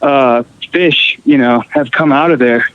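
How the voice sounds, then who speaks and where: A man's voice: medium pitch, measured pace, phone-quality sound. A man from Costa Rica, a guest musician, telling fishing and travel stories in casual chat with fillers and restarts. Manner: relaxed storytelling with fillers and restarts.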